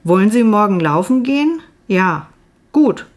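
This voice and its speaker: A woman voicing a calm, probing male psychologist in a novel reading, asking questions matter-of-factly. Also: mid-range voice, a little slow.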